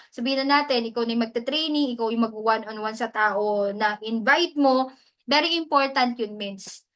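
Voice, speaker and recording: A woman's voice: fairly high pitch, bright, forceful tone. A woman giving a chatty, casual lesson on hosting, often slipping English into her talk. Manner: chatty, mixes English into Tagalog, often adds "mens". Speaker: hosting mentor.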